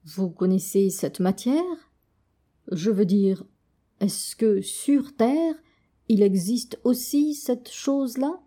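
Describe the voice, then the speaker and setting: Une femme qui prête sa voix à un vieil esturgeon, poli, doux et savant, dans un conte lu. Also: female voice, mid-range voice, slow pace. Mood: courteous. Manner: polite, gentle, bookish. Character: old kind learned male sturgeon.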